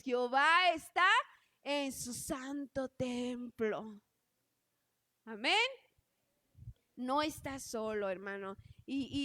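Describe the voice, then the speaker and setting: High-voiced woman preaching. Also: pushed and bright, no room sound, clean studio sound. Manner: earnest, repeatedly calling the congregation brothers. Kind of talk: sermon.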